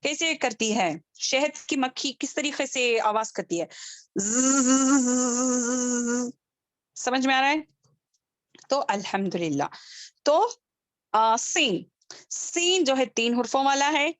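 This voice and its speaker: A woman's voice: sits high, expressive, fairly bright tone, no echo. Woman teaching on a video call. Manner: drills letter sounds by repeating them slowly; checks understanding with frequent questions. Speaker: Quran recitation teacher. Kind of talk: online tajweed lesson.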